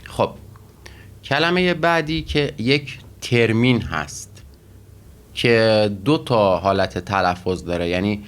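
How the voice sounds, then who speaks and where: Guy with a lowish voice going through vocab slowly, lots of pauses and uhs, teacher explaining grammar. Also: lively intonation, a bit bright, a little hiss or hum. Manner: methodical, with frequent pauses and fillers. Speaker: Russian language teacher.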